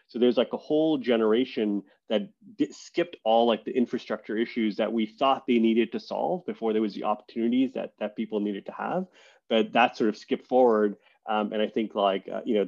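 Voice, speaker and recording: Low-voiced man, relaxed podcast guest. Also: muffled recording. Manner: relaxed, thoughtful, many fillers and restarts. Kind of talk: casual interview conversation.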